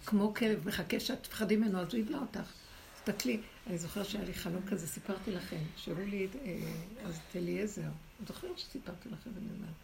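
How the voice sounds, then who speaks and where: In a noisy room recording, a middle-aged woman leads a spiritual class for women where listeners ask questions. Her medium-pitched voice has vocal fry and a slightly mellow quality as she exhorts and challenges her audience.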